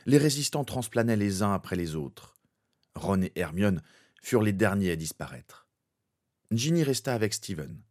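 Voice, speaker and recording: A man narrating a fan fiction story in a steady, dramatic way. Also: on the low side, moderate pace.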